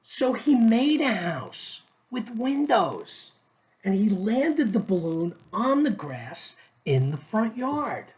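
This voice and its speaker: Male storybook reader, slow delivery, animated intonation, short measured phrases. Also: high-pitched. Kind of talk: expressive children's story read-aloud.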